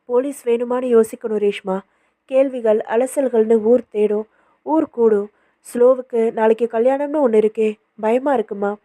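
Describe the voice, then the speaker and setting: A woman voicing a grieving older father who speaks gently but can turn commanding, in a storybook reading. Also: very high-pitched, fairly even intonation, moderate pace, dry recording. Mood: gentle.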